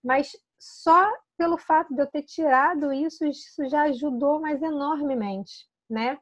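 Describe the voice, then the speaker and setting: This essential oils consultant, a Brazilian woman whose voice sits high, explains product use to camera in an unhurried, informal way. Her Brazilian Portuguese-accented talk is chatty and persuasive, peppered with tag questions and restarted sentences, on dull, dry audio.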